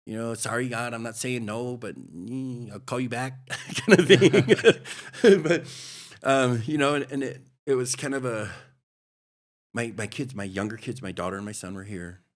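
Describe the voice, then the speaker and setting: A middle-aged Hawaiian man, appearing as a podcast guest, tells a personal story with a medium-pitched voice. He speaks haltingly and reflectively, often starting his sentences over.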